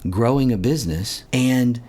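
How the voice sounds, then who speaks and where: A man's voice: medium pitch, moderate pace, mellow. A man co-hosting a business podcast, talking in an emphatic, playful, slightly preachy way. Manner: emphatic, preachy about insurance, playful jokes. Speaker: podcast co-host. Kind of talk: casual podcast chat.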